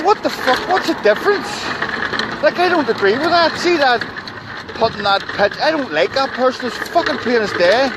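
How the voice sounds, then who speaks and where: A man in his thirties ranting profanely and heatedly to his followers in a rambling livestream outdoors. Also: very high-pitched. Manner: profane, heated and rambling, with repeated asides and restarts. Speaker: page admin addressing followers. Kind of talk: angry livestream rant. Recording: loud outdoor background noise.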